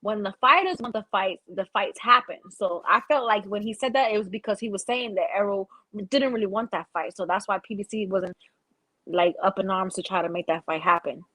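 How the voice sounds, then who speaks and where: A woman's voice: medium pitch, brisk, pushed and bright, no room sound, poor audio. A woman, pushing back hard in a casual sports debate and laughing often. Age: 40s. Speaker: co-host.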